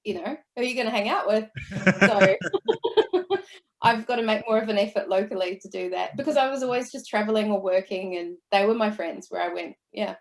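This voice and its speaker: Speaking a little fast in a steady, medium-pitched voice with some vocal fry, a New Zealand entrepreneur in her forties relaxes into an interview. As the guest, she tells stories about her career in easy conversation.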